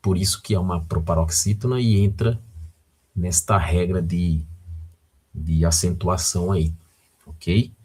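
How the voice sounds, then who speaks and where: Slow, husky-voiced Brazilian male teacher. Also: low voice, steady tone, darkish tone. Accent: Brazilian Portuguese. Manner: patient, often checks in with "ok?". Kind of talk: recorded video lesson.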